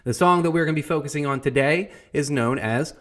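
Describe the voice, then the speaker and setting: Playing a young colonial-era printer among the founding fathers, a man delivers a comedic history lesson with wry, playful humor. His voice is a little high and a bit bright, natural-sounding, and he talks fairly quickly.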